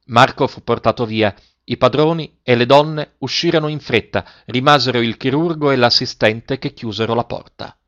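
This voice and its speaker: Guy reading a story out loud, steady and dramatic, dull dry sound. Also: mid-range voice, normal speed, hardly any pauses, no echo. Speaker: narrator. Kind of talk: scripted storybook narration.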